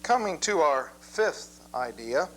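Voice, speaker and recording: A man gives a Bible lesson in a measured, methodical lecture, reading scripture aloud. His voice sits a little high for a man. A faint hum runs under the recording. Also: very animated, fairly bright tone, poor audio. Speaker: Bible teacher.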